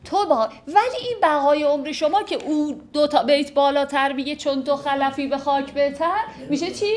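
Woman teaching classical poetry, fairly high voice. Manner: recites verses slowly, then explains them conversationally. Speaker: literature teacher. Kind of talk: lecture explaining classical Persian poetry.

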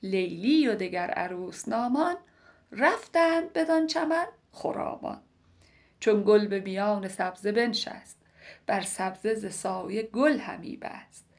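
A woman reciting classical poetry in a measured, lilting way, repeating lines and sometimes dropping to a soft whisper. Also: medium pitch.

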